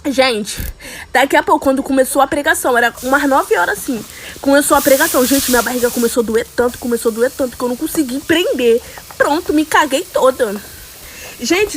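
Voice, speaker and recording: A woman with a high, bright-sounding voice tells a first-person story at a quick clip. She talks dramatically, calling out to her listeners and repeating phrases for effect. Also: a little hiss or hum. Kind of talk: first-person story narration over slime video.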